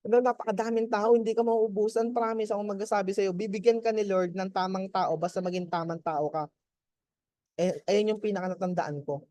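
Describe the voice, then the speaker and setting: A man's voice: sits high, warm tone, no room sound. A man speaking as a mentor to his team, giving a chatty Taglish motivational testimony and often checking in with his listeners. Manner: chatty, keeps checking in with "di ba?" and laughs.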